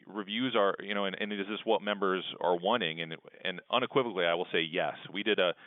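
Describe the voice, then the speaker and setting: A man on a conference call who speaks emphatically and thinks out loud as he goes. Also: low-pitched, fast talker, dry recording. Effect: heard over a conference call phone line. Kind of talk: conversational discussion. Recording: dry, tinny phone-line audio.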